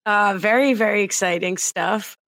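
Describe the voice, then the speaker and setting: A woman's voice: mid-range voice, moderate pace, creaky, fairly bright tone, no echo. A woman co-hosting a casual podcast, chatty and teasing, often laughing. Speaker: podcast co-host.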